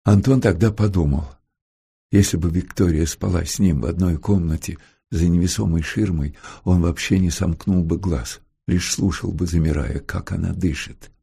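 A man reads a novel aloud in a calm, unhurried storytelling manner. His voice is low and dark, with a gravelly fry and a husky, breathy edge. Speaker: audiobook reader. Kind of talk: audiobook narration.

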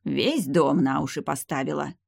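A reader voicing an older male vampire clan head, a gruff and doting grandfather, in an audiobook. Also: mid-range voice, normal speed, dry recording, clean studio sound. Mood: teasing. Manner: gruff, fussing. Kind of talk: audiobook character voice.

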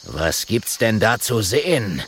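Brief: man playing gruff storybook panther, low, slow and gravelly. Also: big pitch swings, slight background noise, heavily acted. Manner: growling, grumpy.

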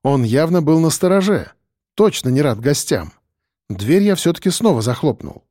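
A man narrating an audiobook in a steady, even storytelling voice. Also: a little high, moderate pace, no echo, clean studio sound.

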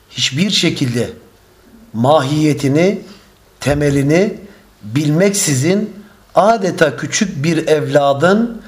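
A man preaching a religious lesson, measured and emphatic, stretching out key phrases. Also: a little high. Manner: quick chanted Arabic opening.

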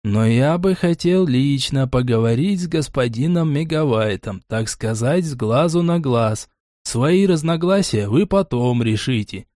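A man's voice: mid-range voice, expressive, dark tone, no echo, clean studio sound, natural voice. A man reading an audiobook, voicing a patient, pedantic male gnome bookmaker who speaks formally and precisely. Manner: polite, formal, measured. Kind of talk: audiobook character voice.

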